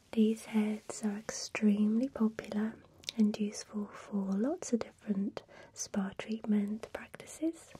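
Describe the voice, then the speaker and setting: A woman speaking in a soft, breathy whisper, giving a calm ASMR tutorial as a spa technician. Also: medium pitch, a little hiss or hum, rough recording.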